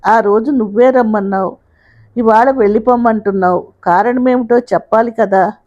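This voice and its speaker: A woman's voice: on the high side, moderate pace, a little mellow, lightly acted. A woman voicing a husband who asks his wife questions directly in a storybook reading. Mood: questioning. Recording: dull lo-fi sound.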